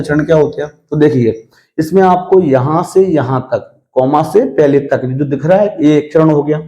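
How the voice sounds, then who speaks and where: A man's voice: fairly high pitch, dark tone. A man teaching Hindi grammar to students, often checking in with "theek hai" and asking questions that he answers himself. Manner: recites verse slowly and deliberately. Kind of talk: classroom-style lesson.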